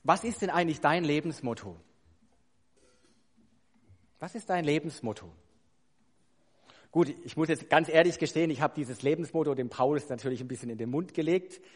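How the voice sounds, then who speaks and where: A man's voice: a little high, moderate pace, pauses often. A man delivers a sermon in a church hall, his slightly raised voice trailing off into a long reverb. He is emphatic, leans hard on key words and poses rhetorical questions to the congregation. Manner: emphatic, building to loud stressed climaxes. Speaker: preacher.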